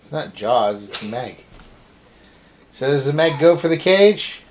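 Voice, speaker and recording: A woman with a strikingly low voice recaps a film plot in easy, casual chat. She keeps asking her co-host what happens next. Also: lively intonation, takes it slowly, darkish tone, slight background noise. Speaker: co-reviewer. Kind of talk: casual movie review chat.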